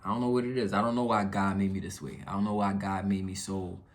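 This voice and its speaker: Low-voiced man venting earnestly. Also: flat delivery, fast. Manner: earnest, repeats phrases for emphasis; candid, slangy, frequent check-in tags. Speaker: YouTube vlogger. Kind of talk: casual venting monologue to viewers.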